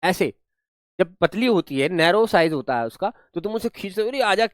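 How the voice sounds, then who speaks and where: A man teaching an online class. He is lively, acts out examples in funny voices and keeps checking in with his students. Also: high-pitched, moderate pace, no room sound, clean studio sound. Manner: coaxing, checks in with students often.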